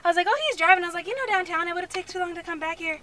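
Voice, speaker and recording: A woman chatting quickly in a car, telling a story. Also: very high voice, steady tone, far from the mic. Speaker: vlogger's partner. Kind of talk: casual chat. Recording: off-mic with loud car noise.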